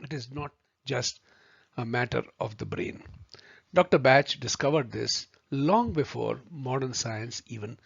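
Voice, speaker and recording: A man teaching a video lesson, speaking deliberately and addressing viewers as friends. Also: medium pitch, gravelly, breathy edge, no echo. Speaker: homeopathy tutor. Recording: dry, slightly muffled recording.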